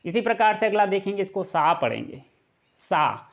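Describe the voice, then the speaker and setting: A man's voice: high-pitched, big pitch swings, normal speed, vocal fry, muffled recording. A man teaching English pronunciation step by step in a video lesson, repeating each point and asking rhetorical questions. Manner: patient, step-by-step explaining. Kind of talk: classroom-style video lesson.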